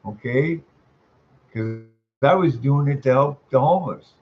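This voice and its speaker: Calling as a tenant with a grievance, this older man speaks in a mid-range voice at a measured pace. He vents informally, forceful and resentful, repeating himself as he rambles, and the phone audio is dull and lo-fi with noise behind.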